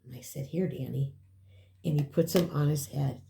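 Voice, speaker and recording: A woman's voice: low voice, normal speed, vocal fry, slight background noise. An older woman telling a story in casual chat, acting out what people said. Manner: animated storyteller, acts out quotes.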